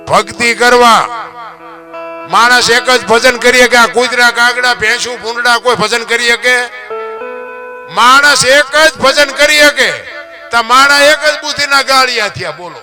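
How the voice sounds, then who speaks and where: A man's voice: high voice, sharp tone. A man, telling folk stories in a moralizing talk, preachy, full of rhetorical questions and lines he half-sings. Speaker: folk storyteller and writer. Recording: clear guitar music under the voice. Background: guitar music playing.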